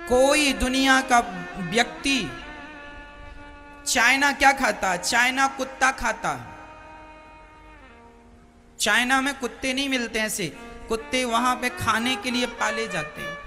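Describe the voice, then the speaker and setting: Very high-voiced slow preaching man. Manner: questioning the listeners, slow and plain. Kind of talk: sermon.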